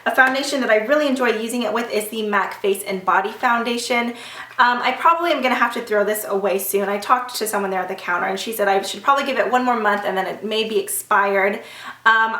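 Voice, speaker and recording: A woman's voice: fairly high pitch, pushed and bright. A woman beauty vlogger, congested from a sore throat, chatting to camera in a rambling way. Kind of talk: casual chat to camera. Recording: roomy echo, mic at a distance.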